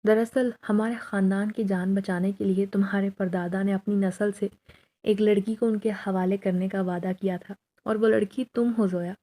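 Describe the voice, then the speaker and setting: A woman's voice: medium pitch, steady tone, dark tone, natural voice. A woman voicing a worried older uncle revealing a family secret in a spoken horror story. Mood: grave.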